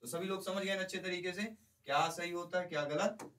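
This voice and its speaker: A man's voice: high voice, steady tone, a little fast, fairly bright tone, far from the mic, slight background noise, low-quality recording. Man teaching an exam-prep class, off-mic. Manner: explains by repeating and asking the class questions.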